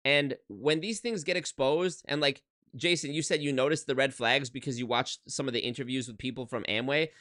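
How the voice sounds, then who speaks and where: Here the twentysomething YouTuber speaks fairly quickly in a mid-range, pushed and bright voice, recorded dry and studio-clean. Streaming casually from a one-bedroom apartment through a desk microphone, he swears, stresses his points, and keeps restarting sentences.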